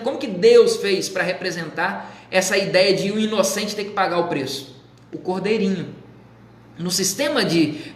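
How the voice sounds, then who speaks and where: A man with a high voice delivers a sermon as a pastor. He keeps asking his listeners questions and answers them himself. The recording has a roomy echo. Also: fairly bright tone. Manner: teaching with questions to the audience. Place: indoor room, live stream.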